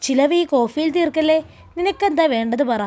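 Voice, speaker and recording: A woman's voice: sits high, a little fast, warm tone, lightly acted. A woman voicing a young wife in a storybook, pouting and playful with her husband. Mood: sulky, playful. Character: young wife, sulky then affectionate.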